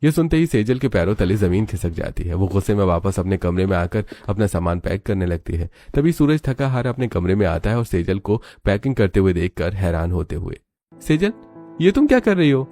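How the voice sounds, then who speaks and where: A man narrating a scripted family story in a steady storytelling manner. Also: sits low, fairly quick, few pauses, dry recording, soft background music.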